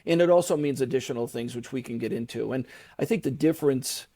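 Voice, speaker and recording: A man's voice: medium pitch, quick pace, mellow. A middle-aged man, a guest on an interview show, explaining at length in a conversational way, with fillers and restarts. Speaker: guest, commercial real estate broker.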